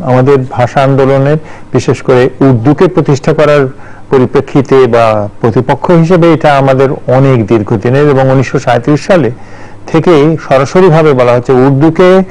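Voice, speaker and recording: A man in his sixties gives studio commentary as a journalist and teacher. His voice carries a gravelly fry. He talks in a thoughtful, digressive way, restarting sentences and filling pauses with "um" and "ah.". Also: medium pitch, darkish tone, rough recording. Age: 60s.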